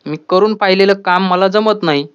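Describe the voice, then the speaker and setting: A man's voice: high voice, normal speed, a bit bright, clear, resonant tone. A man voicing a frustrated, self-pitying young husband as a recap quote. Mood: bitter. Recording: dull lo-fi audio.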